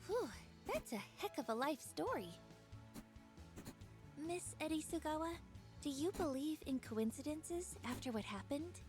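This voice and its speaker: Game VO: a cheerful young woman shopkeeper, high, lively and curious. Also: unhurried, music in the background. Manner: curious, expressive reactions. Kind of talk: voiced game dialogue.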